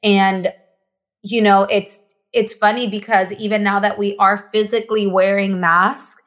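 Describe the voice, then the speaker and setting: A Mexican woman whose mother tongue is Spanish talks a little slowly in a mid-range, level voice as a podcast guest. Her casual conversation is earnest, full of restarts and phrases repeated for emphasis.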